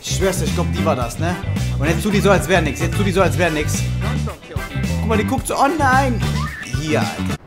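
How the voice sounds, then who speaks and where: A man raging through his gameplay commentary, cursing and often shouting. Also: fairly high pitch, sing-song, brisk, long pauses. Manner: swearing, ranting, often shouting. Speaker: let's play host. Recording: game music behind.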